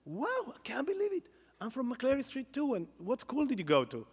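A man voicing an eager, incredulous bar patron in a joke, leaping up in pitch with excitement, in a reverberant hall. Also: normal speed, husky, heavily acted. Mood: excited. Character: eager chatty Irishman in a bar, male, adult.

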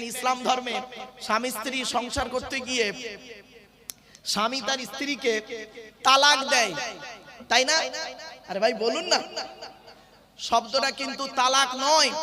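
A man preaching in a very high voice to a live gathering, with the crowd clearly audible behind him. He keeps quizzing his listeners with questions. He leans hard on key words and draws them out. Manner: fires rhetorical questions at the audience; stresses and stretches words to correct pronunciation. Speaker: Islamic preacher. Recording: live sermon with crowd noise.

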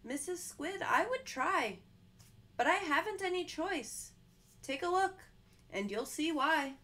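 A woman's voice: very high voice, lively intonation, fairly bright tone, voice pushed up, exaggerated voice. A droopy, sulking cartoon fish, as a woman reading a picture book puts him on, dragging out a gloomy chant. The voice swoops widely up and down and takes its time over every word. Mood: resigned. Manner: drawn-out gloomy sing-song refrain. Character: glum sulky male fish, droopy and mopey.

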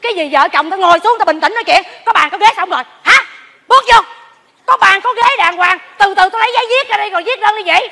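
Extremely high-pitched and very fast, with hardly any pauses, an actress rattles off gossip as a temple leaf-sweeper in a live stage comedy. She exclaims excitably throughout, recorded in a large theater hall with an audience.

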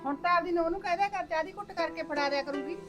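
A high, rapid voice of a sharp-tongued Punjabi mother-in-law, played by a woman. She scolds fast and loud in a village family drama, with faint music underneath. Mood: grumbling.

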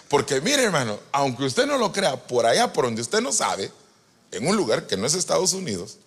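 Man, sermon, fairly high voice, very lively pitch, joking, loud then soft. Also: breathy edge. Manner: animated, joking with the congregation, swings from loud to soft. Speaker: apostle preaching. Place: church retreat hall.

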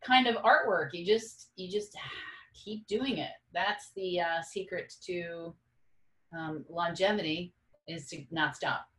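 A woman's voice: fairly low pitch, takes it slowly, a bit bright, distant mic. A woman in her forties hosting a casual video-call interview from home, asking friendly, curious questions. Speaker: host, interviewer. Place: home room with bookshelf. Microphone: video call webcam. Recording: roomy video-call audio.

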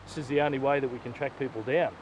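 A man's voice: medium pitch, steady tone, racing, slight background noise. An Australian man in his thirties hosting a road-trip travel show, chatty and enthusiastic, laughing often. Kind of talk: upbeat travel show presenting. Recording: loud background music.

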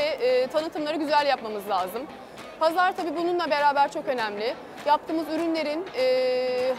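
Hesitant high-voiced woman at a booth. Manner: hesitant, filler pauses. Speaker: company representative. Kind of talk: trade fair testimonial. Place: trade fair booth, indoors.

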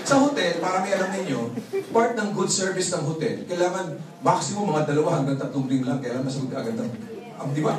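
A man from the Philippines giving an animated motivational seminar talk, telling stories, acting out both sides of the exchange, and laughing often. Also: a little high, quick pace. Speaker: marketing plan presenter. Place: large hall with live audience. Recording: echoey hall, crowd noise, distant mic.

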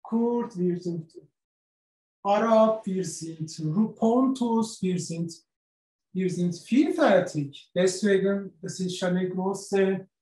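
A man, answering interview questions over a video call, often pausing and searching for words. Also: high voice, dark tone. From Turkey. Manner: searching for words, many pauses and fillers. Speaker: festival organizer. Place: indoor office with film posters. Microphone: webcam on a video call. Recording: echoey room.

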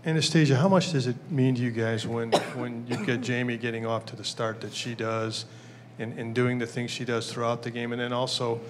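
A man's voice: medium pitch, little pitch movement, a little fast, hardly any pauses, a little hiss or hum. A man asking long, rambling questions as a sports reporter at a press conference.

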